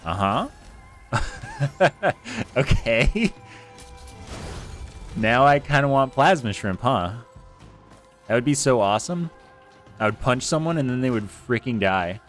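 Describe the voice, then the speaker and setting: A man's voice: medium pitch, lively intonation, a little slow, long pauses, a bit bright, soft background music. A man streaming a game from home, chatting casually into a close desk mic, rambling with lots of fillers. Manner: rambling, self-deprecating, chatty with many fillers. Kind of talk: casual gameplay stream chat. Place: home room with air conditioner. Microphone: close desk mic with foam screen.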